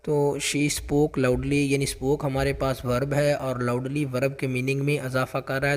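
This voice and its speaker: A man teaching English grammar for a job test, explaining each answer with lots of repetition and reading the English sample sentences out slowly. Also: mid-range voice, in a large hall. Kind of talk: explaining exam questions.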